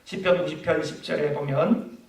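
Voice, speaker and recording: A man's voice: fairly high pitch, steady tone, moderate pace, far from the mic. A male pastor preaching a sermon in a conversational way and asking the congregation questions. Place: church sanctuary. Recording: echoey church from afar.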